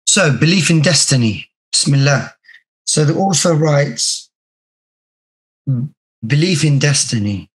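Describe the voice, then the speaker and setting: Croaky, hoarse man teaching slowly. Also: a little high, expressive, poor audio. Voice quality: croaky voice from a sore throat. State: hoarse with a sore throat. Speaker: religious teacher. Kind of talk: online class lecture with reading aloud. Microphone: video call.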